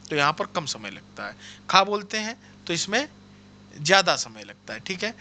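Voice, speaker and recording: A man's voice: on the high side, very animated, normal speed, pushed and bright, slight background noise. A man teaching an exam-prep lesson over slides, explaining step by step and often checking in with his students.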